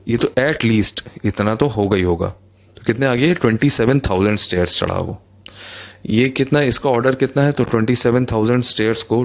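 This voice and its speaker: A man teaching a physics lesson, explaining in a chatty, conversational way and repeating phrases as he goes. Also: mid-range voice. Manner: conversational, addresses listeners as bhai, repeats phrases. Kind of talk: explanatory lecture.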